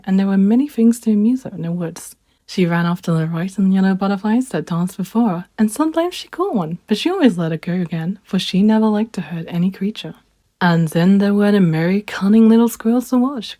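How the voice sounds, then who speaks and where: Gentle woman storyteller, mellow voice. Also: mid-range voice, no echo, clean studio sound. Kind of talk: children's story reading.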